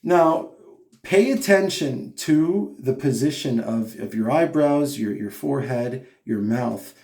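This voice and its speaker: Mellow-voiced male vocal coach, echoey room. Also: medium pitch, lively intonation, slow. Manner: patient, explanatory, with sung demonstration notes. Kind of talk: singing lesson, spoken instruction.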